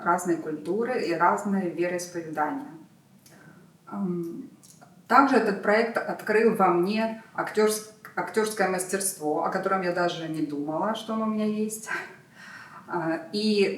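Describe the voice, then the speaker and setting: A woman's voice: fairly low pitch, roomy sound, distant mic, poor audio. A woman hesitantly telling in an interview what a community film project gave her. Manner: hesitant, with fillers and restarts. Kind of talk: reflective interview answer.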